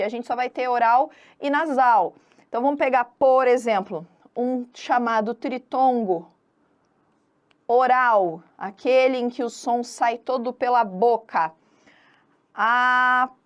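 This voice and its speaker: Chatty Brazilian woman teaching grammar. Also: a little high. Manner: chatty, teasing, drags out syllables for emphasis. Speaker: Portuguese teacher. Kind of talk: online exam-prep lesson.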